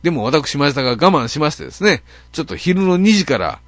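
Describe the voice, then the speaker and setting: A man's voice: on the high side, lively intonation, fast, dry recording. A man with an Okayama accent hosting a net radio show, telling a grumbling, self-mocking story full of fillers. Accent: Okayama Japanese. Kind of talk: casual monologue, comic storytelling.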